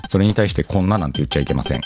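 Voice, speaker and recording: A man with a low voice hosts a casual solo audio chat show, talking in an animated, racing way. He rambles, pokes fun at himself, and laughs at his own jokes while music plays in the background.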